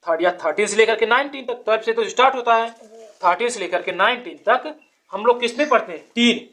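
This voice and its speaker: A woman's voice: a little high, quick pace, a bit bright. A woman teaching a child to count, patiently asking quiz questions and counting numbers aloud step by step.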